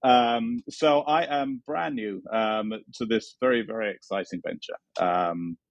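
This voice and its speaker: A man with a London English accent, talking casually and haltingly as an interview guest. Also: on the low side, vocal fry, dry recording. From London, England. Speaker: music director and vocal teacher.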